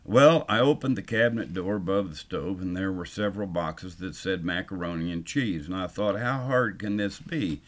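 An older man telling a first-person story in a dry, unhurried yarn-spinning way. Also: deep voice.

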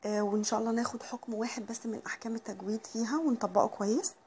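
A woman with an Egyptian accent teaching Quran recitation, explaining patiently and reciting words slowly and drawn out. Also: fairly high pitch, fairly even intonation, darkish tone, slightly rough. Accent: Egyptian Arabic.

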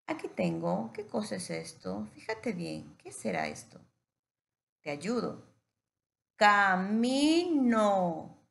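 A woman teacher giving a patient phonics lesson to young children, stretching words out slowly. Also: lowish voice, expressive, creaky, a little mellow.

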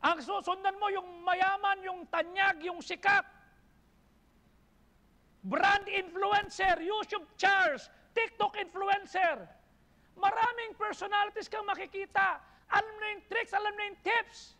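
Filipino pastor preaching in an echoing church. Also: male voice, very high voice, fairly even intonation, a little slow, bright, forceful tone. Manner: preaching in mixed Tagalog and English, rising emphatic lists. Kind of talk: sermon. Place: church hall. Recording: long hall reverb in a church.

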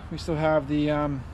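Thirties male vlogger, laid-back and unhurried, outdoor camera audio with crowing roosters. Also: a little high, poor audio. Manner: relaxed and rambling, with many fillers. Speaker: vlogger, hotel worker. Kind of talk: casual vlog chat. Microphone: camera at arm's length. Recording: outdoor recording with loud rooster noise.

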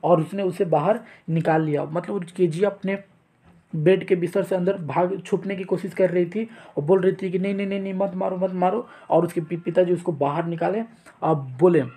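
A male teacher from India, explaining a chapter and reading its text, slow and halting, with restarts. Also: high voice, steady tone, warm tone, slightly rough. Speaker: English teacher. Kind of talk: chapter explanation mixing Hindi and English.

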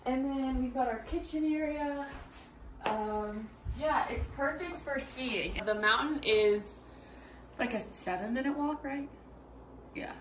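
Holding her phone out at arm's length, a young vlogger talks through her travel vlog in a medium-pitched voice with a little hiss or hum. Bubbly and chatty, she keeps saying "cute little" as she moves between ski slopes, snowy streets and a rental house indoors.

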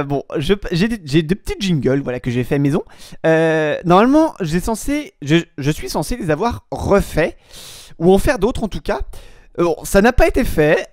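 This is a young man's solo, radio-style web show in French, where he rambles, hesitates, starts over, and promises to get back to things later. His voice is on the high side, and the dry studio recording is clean.

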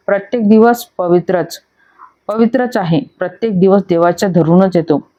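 A woman's voice: medium pitch, steady tone, moderate pace, dark tone, lightly acted. A woman voicing a fearless, stubborn village man who talks in a self-assured, dismissive way, on a dull lo-fi recording.

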